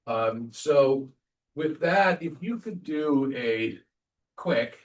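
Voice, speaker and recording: A middle-aged or older man moderating a panel, giving a measured introduction with anecdotes. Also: mid-range voice, lively intonation. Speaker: panel moderator, former speechwriter. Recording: distant mic with faint room noise.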